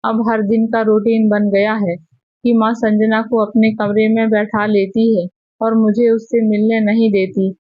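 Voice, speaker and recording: A woman tells a scripted first-person story in a steady, even way. Her voice sits a little high and barely moves in pitch. The recording is dry and somewhat muffled. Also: unhurried, no room sound.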